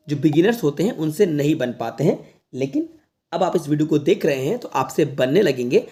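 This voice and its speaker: A man teaching an online lesson to students, repeating each word slowly several times in a patient, reassuring way. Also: on the high side, a little mellow. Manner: reassuring, addresses the viewers as children. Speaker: English teacher.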